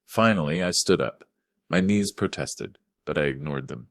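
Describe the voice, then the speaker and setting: An older man narrating a first-person family drama story in a steady, measured way. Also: a bass voice, no room sound, studio quality.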